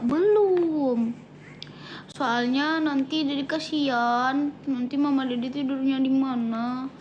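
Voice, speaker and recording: A young woman vlogger chatting casually with viewers in a soft, sentimental way, sometimes dropping to a whisper. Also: high voice, lo-fi sound, slight background noise. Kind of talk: casual chat reading viewer comments.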